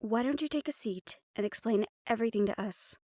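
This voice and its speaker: In an audio roleplay drama, a woman lightly acts as a calm, protective householder who befriends ghosts, gently firm and reassuring. Her fairly high voice moves briskly over background noise.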